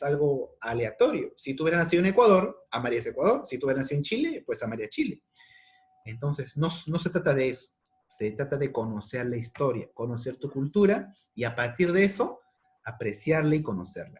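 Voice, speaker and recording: A history teacher with a fairly high, slightly mellow male voice gives a casual lesson to secondary students. He thinks aloud and rephrases as he goes, often checking in with "¿de acuerdo?".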